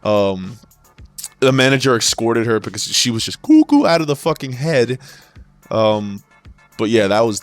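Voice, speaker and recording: Exasperated man ranting, heavy swearing. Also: on the low side. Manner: profane, exasperated, with frequent restarts. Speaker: retail sales worker. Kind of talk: ranting storytelling.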